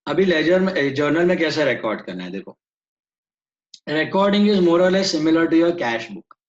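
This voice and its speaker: A man's voice: a little high, very animated, measured pace, muffled recording. A man teaching an online accounts class, switching between Hindi and English and quizzing his students.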